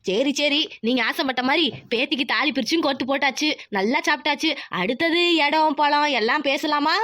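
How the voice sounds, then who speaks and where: Woman doing a shrill, scheming bossy woman. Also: a little fast, fairly bright tone. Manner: brash, bossy. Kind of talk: cartoon voice acting.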